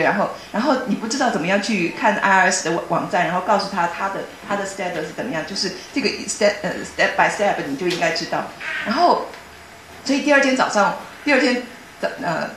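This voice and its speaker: A woman giving a personal testimony in a church hall, telling her story earnestly and excitably, often restarting her sentences. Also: mid-range voice, slight background noise.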